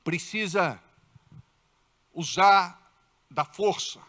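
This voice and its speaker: A man with a Brazilian Portuguese accent preaching a sermon in a church, acting out quoted voices with sudden loud outbursts. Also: sits high, extremely slow. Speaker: pastor.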